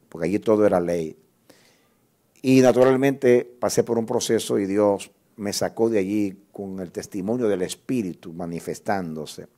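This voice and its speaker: Male guest pastor, dark gravelly voice, emotional sermon testimony with repeated words. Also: low-pitched. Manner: emotional testimony, repeats words, rises to loud scripture reading.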